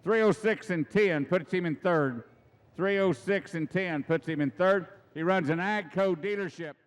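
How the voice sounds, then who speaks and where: A middle-aged American man calls a tractor pull live, folksy and emphatic, repeating himself for effect. His voice is high-pitched and a little slow.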